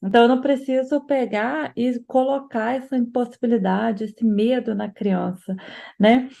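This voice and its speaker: A woman with a slightly high voice talks through a book in a relaxed, explanatory way. She keeps asking small tag questions and slips into quoted parent remarks as she makes her points. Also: moderate pace, vocal fry. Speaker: book club host and psychologist. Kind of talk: casual discussion of a book.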